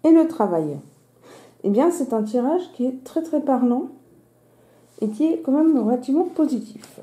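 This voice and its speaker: This weekly card-reading host talks in a casual, explanatory way, her s sounds slushy with a lisp. She speaks high and expressively at a moderate pace with a warm tone. The room sounds echoey and spacious.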